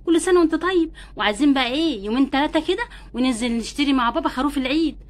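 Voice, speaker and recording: A tender but bossy young wife doll, played by a woman who coaxes and nudges in an Egyptian Arabic accent. Her high voice races along at a breakneck clip in a homemade doll-play story. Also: rapid-fire, lightly acted. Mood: cheerful.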